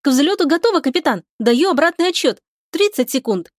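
A woman voicing an eager, dutiful young woman pilot on a starship, reporting briskly to her captain in an audiobook. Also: high voice, very animated, no echo, studio quality, pitched above the performer's own voice.

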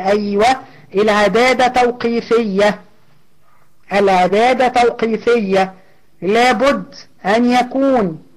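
A woman's voice: fairly high pitch, rough recording. Egyptian woman teaching a religion lesson. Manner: conversational, rhetorical questions and check-ins.

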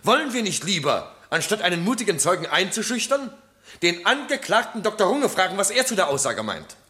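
An indignant prosecutor protests in a vintage radio play. His voice is high and bright, rising and falling with emphasis. Each point comes out forceful. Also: very animated, fairly quick, exaggerated voice. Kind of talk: 1960s radio drama acting.

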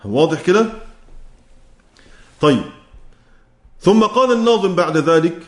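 A man with an Egyptian Arabic accent teaches Quran recitation rules, asking questions and answering them himself, then slowing to chant each verse he quotes. His voice is expressive and a little high, echoing in the room.

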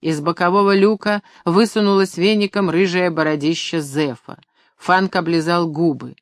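A man reading a novel aloud in an even, measured storytelling voice. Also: high voice, dry recording. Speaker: audiobook narrator. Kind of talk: scripted narration.

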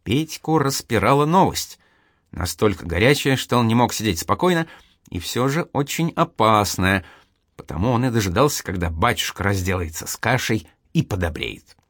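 A man narrating an audiobook in a dramatic, expressive storytelling manner on a close studio mic. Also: lowish voice, moderate pace, dry recording.

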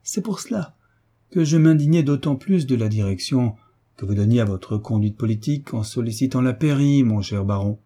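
A man voicing a sly, ironic hunchbacked marquis in an audiobook, teasing with drawn-out courtesy. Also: mid-range voice, animated, mellow, breathy edge. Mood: mocking. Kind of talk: audiobook character reading.

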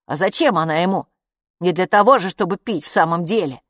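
A woman's voice: on the low side, fairly quick, no room sound, clean studio sound, natural voice. A woman voicing a cautious, protective boy who speaks carefully and seriously.

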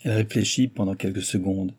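A man narrating a novel aloud in a measured storytelling manner. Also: lowish voice, steady tone, darkish tone, husky. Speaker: audiobook narrator. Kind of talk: scripted narration.

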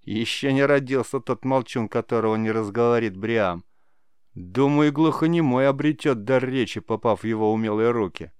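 A man reading an audiobook, voicing a gruff, mocking male warrior. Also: medium pitch, moderate pace, dry recording, studio quality, close to an everyday voice.

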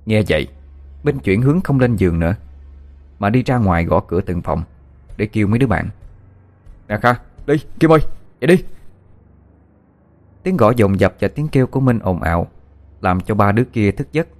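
A man narrating an audiobook story in a steady storytelling manner. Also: lowish voice, a little fast. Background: faint background music.

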